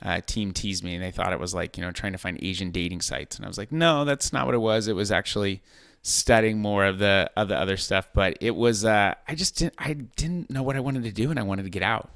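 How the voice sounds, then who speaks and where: A man's voice: fairly low pitch, a little fast, vocal fry, fairly bright tone, no echo, studio quality. A man hosting a podcast, chatting casually with his guest and laughing easily. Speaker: podcast host. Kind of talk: casual interview chat.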